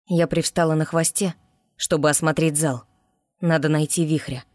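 A woman narrating a fantasy audiobook in first person with an expressive reading. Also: low voice, moderate pace, no room sound, clean studio sound.

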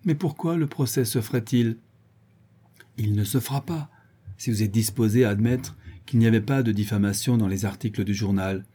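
A stern middle-aged country lawyer, read by a man in an audiobook presses his questions one after another, coldly and without mercy. The voice is warm and mellow, with a husky grain. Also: lowish voice, normal speed. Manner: cold, hammering cross-examination.

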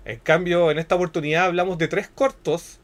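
Chilean male podcast host, thirties, slightly high voice, chatty and slangy. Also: fairly even intonation, fairly quick. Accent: Chilean Spanish. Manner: chatty, slangy, explains at length. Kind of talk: casual podcast chat.

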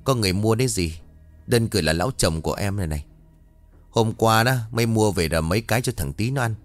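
A man's voice: fairly low pitch, lively intonation, fast talker, dry recording, soft background music, lightly acted. A male storyteller voicing a young mother who pleads and weeps in a horror audio story, speaking in a raised, strained voice. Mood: weary. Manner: tearful, pleading. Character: young mother, frantic and grieving woman.

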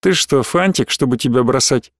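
A man voicing a mysterious street boy who speaks in a curt, quiet, dismissive way. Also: medium pitch, animated, moderate pace, dry recording, studio quality.

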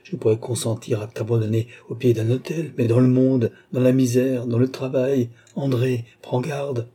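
A man reading aloud voices a young nobleman, an earnest and gentle brother who offers comfort. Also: medium pitch, flat delivery, normal speed, breathy edge, natural voice.

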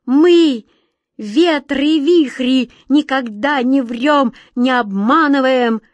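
A woman reading aloud gives us a whirlwind spirit boy who can never stand still. His voice sits high and excited, whistling out each line in a close, dry sound. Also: a little slow, dry recording. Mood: insistent. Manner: excited, whistling, darting delivery. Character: lively boyish whirlwind spirit, quick and touchy.

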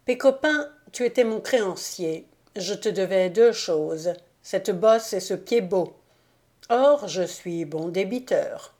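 A woman voicing a sly, ironic hunchbacked male devil in a storybook reading, speaking slowly. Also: mid-range voice, darkish tone, natural voice.

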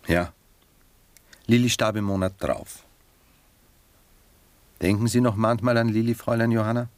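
An actor in a German radio drama plays a refined, melancholy gentleman poet, his voice on the low side and close to an everyday speaking voice, with no echo. He muses in a courteous, measured and reflective way.

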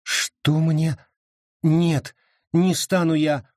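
A man voicing a frightened, desperate young settler woman who pleads and shouts. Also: fairly high pitch, flat delivery, drawn-out words, no echo, clean studio sound, voice pushed up. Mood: wary. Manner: pleading, rising to frantic shouts.

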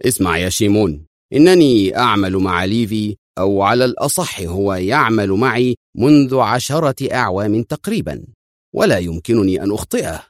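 A man voicing a brash one-eyed defense minister who talks loudly and dismissively. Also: fairly low pitch, expressive, a little fast, dry recording, clean studio sound, natural voice. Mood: irritated. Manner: loud, incredulous, dismissive.

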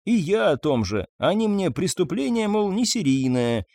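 A shy but earnest young man, read by a man in his own voice, hesitant at first, then firm. His voice moves in lively swings, recorded dry and close. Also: high voice, normal speed, no echo, pitched above the performer's own voice, full character voice.

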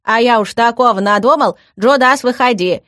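A woman's voice: medium pitch, expressive, moderate pace, a bit bright, no room sound. Give me a woman playing a nervous, protective young house spirit, eager to please, in a dry, close storybook reading. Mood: relieved. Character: anxious young male house spirit, protective older brother.

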